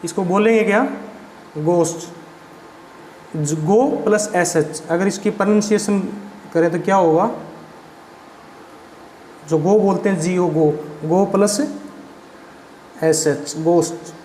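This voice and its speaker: High-voiced man spelling out vocabulary. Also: a little slow, pauses often, darkish tone. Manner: spells words letter by letter, asks and answers his own questions. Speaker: vocabulary teacher. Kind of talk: classroom vocabulary lesson. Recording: echoey room with faint background noise.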